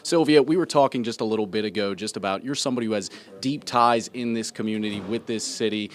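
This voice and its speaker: A male field reporter speaks live from the scene in a somewhat low voice. He asks his questions at a quick, conversational pace.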